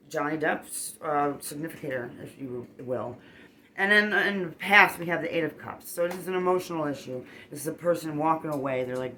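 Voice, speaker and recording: A tarot reader and astrologer giving a casual, animated reading that rambles and gets emotional, dropping "boom" and "okay?" along the way. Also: a little hiss or hum.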